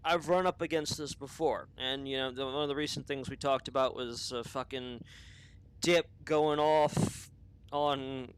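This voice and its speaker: A man's voice: medium pitch, fairly even intonation, a little slow, clear, resonant tone, poor audio. Rambling, cursing male podcast host. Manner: rambling, profane, self-interrupting. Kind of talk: unscripted opinion monologue.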